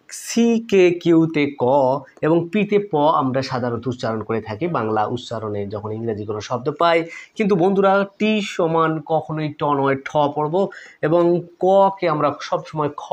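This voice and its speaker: A man with a Bangladeshi Bengali accent gives an English pronunciation lesson in a slightly high voice. He repeats each example word again and again with heavy stress and asks the viewer questions. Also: lively intonation, moderate pace.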